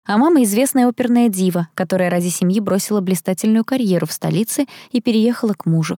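Woman, audiobook narrator, first person, calm and even, warm dark tone, dry close sound. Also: mid-range voice, fast, no room sound.

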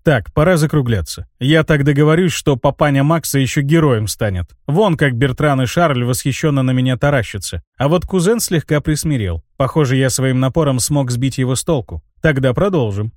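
A man narrating a first-person fantasy audiobook in a measured, wry storytelling manner. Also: mid-range voice, no room sound, studio quality.

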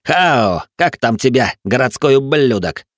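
A man's voice: mid-range voice, expressive, moderate pace, fairly bright tone, no echo, clean studio sound, pitched above the performer's own voice, close to an everyday voice. A man voicing a hostile young thug who snarls threats. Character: aggressive young male thug, spitting hatred.

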